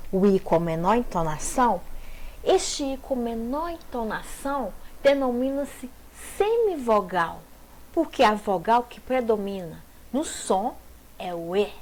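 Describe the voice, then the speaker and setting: A woman teaching a grammar lesson at a slow, deliberate pace. Her voice sits a little high. She breaks words into syllables and keeps asking her listeners rhetorical questions.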